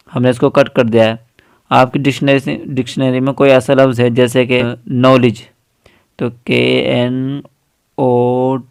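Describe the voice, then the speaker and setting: A man talks slowly through a phone app tutorial, one step at a time, and pauses often on small fillers. His voice is smooth and resonant. It is recorded close and dry, with no room sound. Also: mid-range voice, no room sound. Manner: patient step-by-step explaining, frequent fillers. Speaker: tutorial host.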